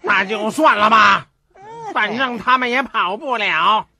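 A pompous blustering magistrate. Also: male voice, high-pitched, measured pace, vocal fry, bright, forceful tone, breathy edge, exaggerated voice. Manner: blustering, barks orders, drawn out. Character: pompous bumbling male county magistrate. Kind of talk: TV drama acting.

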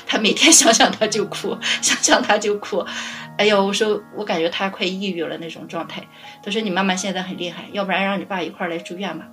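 爱笑健谈的中年女性. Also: female voice, medium pitch. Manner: lively, laughing often while recounting. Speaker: family caregiver guest. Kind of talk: casual interview storytelling.

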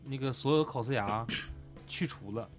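A man's voice: mid-range voice, normal speed. A man chatting casually and telling anecdotes in an earthy, vivid way. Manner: earthy, vivid storytelling with swearing. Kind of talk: casual group chat, anecdotal. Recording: music playing behind the talk.

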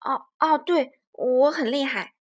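A woman voicing a male tyrannosaur in a storybook tale, a former bully who stammers and blurts out his lines loudly when flustered. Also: high-pitched, sing-song, unhurried. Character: gruff male tyrannosaur, bully turned bashful.

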